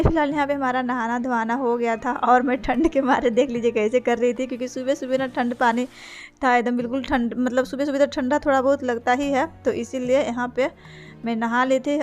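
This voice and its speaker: Chatty young woman with a high voice. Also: fairly even intonation, brisk, soft background music. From India. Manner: chatty, rambling, repeats "kyunki" and "na"; speaks as a voice-over, not to camera. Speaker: vlogger. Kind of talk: casual daily routine vlog.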